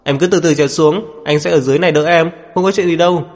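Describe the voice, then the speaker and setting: A man's voice: on the high side, fast talker, a little mellow, voice pushed up. A man voicing a doting young man who coaxes his girlfriend anxiously. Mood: coaxing. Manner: coaxing and anxious. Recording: long reverb with background music.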